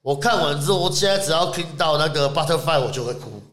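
A man with a Taiwanese Mandarin accent telling an animated story in casual chat, laughing often. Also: on the high side, fast, roomy sound. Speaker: podcast guest.

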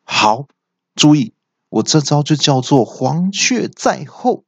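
A man voicing a calm, politely deadpan monk-like fighter. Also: fairly high pitch, slow, gravelly, no room sound, muffled recording, pitched above the performer's own voice, full character voice.

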